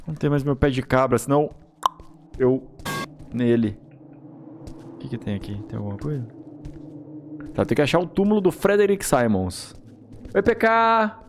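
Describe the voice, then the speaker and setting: A man's voice: mid-range voice, animated, normal speed, pauses often. A man with a Brazilian accent giving casual, slangy let's-play commentary as a gaming host, reacting and swearing as he goes.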